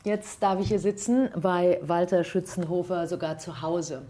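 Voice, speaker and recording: Chatty low-voiced woman hosting a podcast. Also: steady tone, mellow. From Hesse. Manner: chatty, curious, quick follow-up questions. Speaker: podcast host. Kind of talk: casual interview. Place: guest's home.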